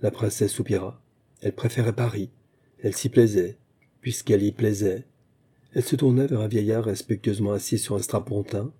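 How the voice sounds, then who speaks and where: A man narrating a novel as an audiobook in a measured, literary manner. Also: lowish voice, fairly even intonation, warm tone, husky.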